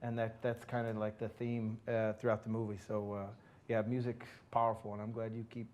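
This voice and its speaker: A man co-hosting a radio show who speaks haltingly, searching for his words. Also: on the low side, completely flat delivery, darkish tone, muffled recording. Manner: halting, hesitant. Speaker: radio co-host. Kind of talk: casual interview talk.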